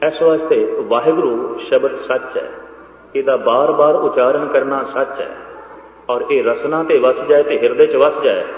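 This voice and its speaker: A man giving a Sikh religious discourse to a congregation, emphatic and repetitive, swinging between loud and soft. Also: medium pitch. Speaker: Sikh preacher. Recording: echoey dull lo-fi hall recording.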